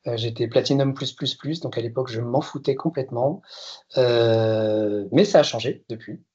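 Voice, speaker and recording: A man in his fifties from France talks an audience through his career at an ordinary middle pitch. His delivery is hesitant and full of filler sounds, lightened by self-deprecating humor. The sound is dull and lo-fi. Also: normal speed, a little mellow, breathy edge. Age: 50s. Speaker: consultant giving a masterclass talk. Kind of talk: presentation to an audience.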